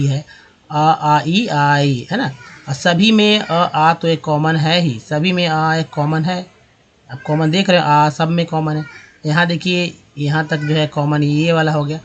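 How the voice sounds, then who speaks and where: A man teaching English pronunciation in Hindi, spelling out words letter by letter and repeating vowel sounds slowly while checking in with viewers. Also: on the high side. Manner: addresses viewers as friends, checks understanding with tag questions. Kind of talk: explaining pronunciation with examples.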